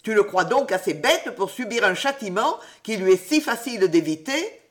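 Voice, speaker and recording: A woman's voice: on the high side, sing-song, normal speed. A woman voicing a mocking schoolboy who sneers at his classmate.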